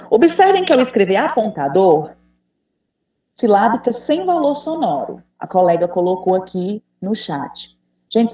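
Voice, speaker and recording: A woman's voice: medium pitch, dark tone. A Brazilian woman with a patient, encouraging manner, leading an online teacher training and asking the group questions. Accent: Brazilian Portuguese. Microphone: video call. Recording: echoey room, distant mic.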